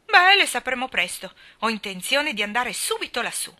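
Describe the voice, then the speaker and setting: A woman's voice: mid-range voice, very animated, normal speed, sharp tone. A woman reading aloud, voicing a nosy, indignant older village gossip who speaks emphatically, sounding scandalized.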